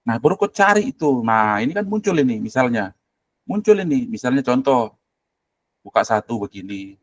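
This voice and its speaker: A man's voice: mid-range voice, sing-song, moderate pace, dry recording. A man, a university lecturer giving blunt, casual instructions while working through a shared screen on a video call. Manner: blunt, directive, colloquial, thinking aloud while clicking. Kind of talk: informal screen-share tutoring.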